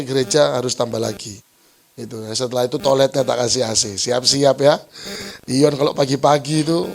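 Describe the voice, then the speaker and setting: A man's voice: fairly high pitch, gravelly. A male pastor with a Surabaya accent preaching a playful, joking sermon to his church, teasing the congregation and laughing often. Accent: Surabaya Javanese-flavored Indonesian. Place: church service.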